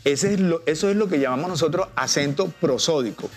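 A man's voice: a little high, a little fast, soft background music. A man with a Colombian Spanish accent, a teacher guest explaining in a patient, didactic way and drawing out example words. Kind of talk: explanatory TV interview.

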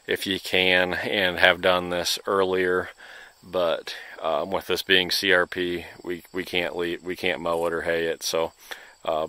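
A deep-voiced farmer with a Midwestern American accent speaks in a pushed, bright tone with no room sound. Showing off his cornfield in an unscripted outdoor video, he talks casually and hedges in an understated way. Someone operates the handheld camera or phone behind him.

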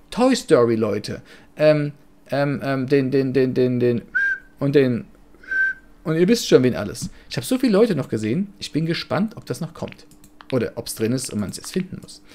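A German man plays a life-sim game as a let's-play gamer, talking casually in a chatty, rambling, blunt and jokey way. His voice is mid-range with a darkish tone.

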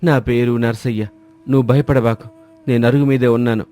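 A gentle old villager who lives alone, voiced by a man, talking in a mellow, warm tone. He is soothing and unhurried in manner, and he speaks as a storybook grandfather would. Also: medium pitch, steady tone, natural voice. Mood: reassuring. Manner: gentle, reassuring. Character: lonely old village man, calm and kindly.

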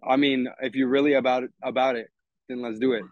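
A man's voice: mid-range voice, flat delivery, quick pace, no room sound, dull audio. A man from Texas chatting casually, rambling and swearing freely while describing events he organizes. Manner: rambling, laid-back, swears a lot. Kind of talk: casual chat.

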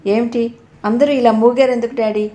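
A woman's voice: a little high, steady tone, moderate pace, mellow, natural voice. A woman voicing a weak young woman who talks faintly and evasively. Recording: roomy echo.

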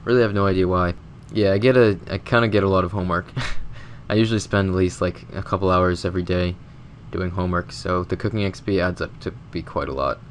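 A man's voice: sits low, steady tone, quick pace, hardly any pauses, a little hiss or hum. A man with a stuffy, sick nose, casually rambling through a game commentary voice-over with lots of filler words. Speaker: gaming video host.

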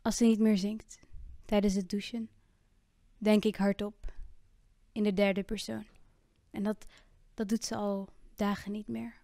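A woman performing her spoken word poetry, rhythmic and full of repeated lines, moving between loud and hushed delivery. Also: mid-range voice, level tone, measured pace, long pauses, no echo, studio quality.

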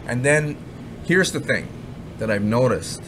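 A Canadian man talks casually and bluntly, looping back over his points and dropping the odd swear. His voice sits in the middle range. Steady background noise runs under his desk mic. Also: mid-range voice, a little slow. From Ottawa, Canada. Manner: blunt, rambling, repeats himself, swears. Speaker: online marketing reviewer. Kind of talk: casual screen-share commentary.

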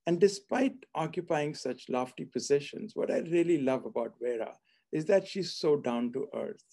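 A middle-aged hospitality school dean, seated at his computer in a book-lined office, hosts a formal online event and introduces and interviews a guest over video call. His voice is on the high side, animated and dark in tone, at a normal speed.

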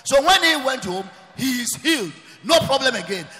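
A man preaching, emphatic and often shouting, repeating his phrases. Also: very high voice, big pitch swings, moderate pace. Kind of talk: preaching sermon. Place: large church hall. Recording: long reverb of a large church hall.

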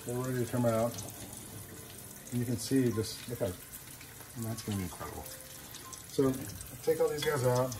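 Relaxed man cooking at home. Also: mid-range voice, normal speed, long pauses, noisy background. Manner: relaxed, step-by-step explaining while cooking. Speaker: home cooking show host. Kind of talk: casual cooking demonstration. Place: home kitchen, indoors. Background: background music.

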